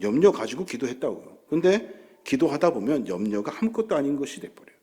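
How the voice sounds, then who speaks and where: A man's voice: mid-range voice, fairly quick, husky. A male pastor delivering a sermon in a church, asking the congregation questions and acting out sample prayers. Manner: animated, rhetorical questions, acts out prayers. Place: church sanctuary.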